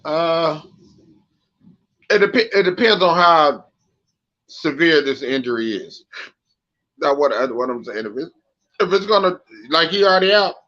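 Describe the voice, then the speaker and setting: A man with a fairly high, bright, forceful voice trades sports takes in a relaxed, colloquial way, often stumbling over repeated words. His sound comes through dull and lo-fi. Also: unhurried, pauses often. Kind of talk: casual sports talk.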